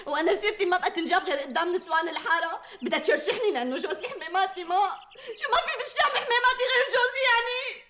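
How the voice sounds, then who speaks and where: Brief: very high, rapid Damascene wife, defensive, echoey set. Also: female voice, a bit bright. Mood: aggrieved. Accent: Damascene Arabic. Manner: indignant, defensive. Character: proud wife, quick to take offence. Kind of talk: TV drama acting.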